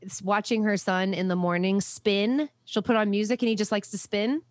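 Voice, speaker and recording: A woman's voice: mid-range voice, steady tone, normal speed, no echo, clean studio sound. A woman co-hosting a casual podcast, talking in a playful, rambling way that often restarts mid-sentence. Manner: playful, rambling, self-correcting. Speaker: podcast co-host. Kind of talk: casual chat.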